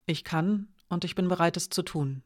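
A calm, resolute young woman who talks quietly and evenly, never rushing, as an audiobook reader puts her on. Her lines sit lower and softer than the narration, recorded dry and close. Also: dry recording, natural voice. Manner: quiet, low, steady. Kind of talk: audiobook character reading.

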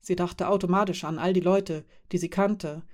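A woman narrating a fantasy novel in a measured, even storytelling manner. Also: on the low side. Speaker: audiobook narrator. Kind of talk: scripted narration.

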